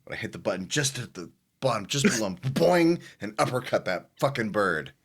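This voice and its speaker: A man playing a tabletop game, excitable and dramatic, often laughing. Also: fairly low pitch, quick pace, slightly rough. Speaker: player.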